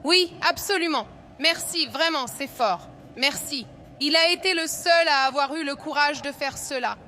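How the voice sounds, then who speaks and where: A woman's voice: high-pitched, moderate pace, sharp tone, a little hiss or hum. A woman from Iran being interviewed at a street protest, speaking passionately and bluntly.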